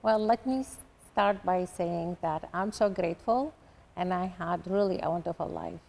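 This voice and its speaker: A woman from Iraq with an Iraqi Arabic accent, an artist answering interview questions in slow, deliberate phrases. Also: fairly low pitch, creaky, a little mellow. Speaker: artist guest.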